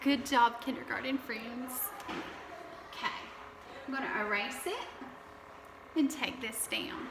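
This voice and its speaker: A woman teaching young kids to count talks to them directly and encouragingly, using a fairly high voice with fairly even intonation. She goes slowly and leaves long pauses. There's noise in the background and strong reverberation in the room.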